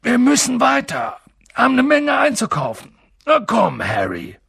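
A man voicing a huge, gruff but gentle gamekeeper who talks in a blunt, clipped way. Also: mid-range voice, big pitch swings, slow pace, no room sound, clean studio sound, exaggerated voice. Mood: brisk.

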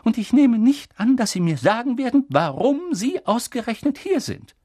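A reader voicing a stern older female witch professor, high-pitched and urgent, with a husky edge. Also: big pitch swings, moderate pace, mellow, no echo, clean studio sound. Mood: indignant. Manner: urgent, pressing, high and insistent.

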